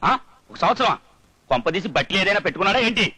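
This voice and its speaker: A bustling family man with a very high, quick voice. He teases and orders others around in a comic tone. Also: big pitch swings, sharp tone, slightly rough, no room sound, exaggerated voice. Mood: teasing. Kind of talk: 1980s Telugu film acting.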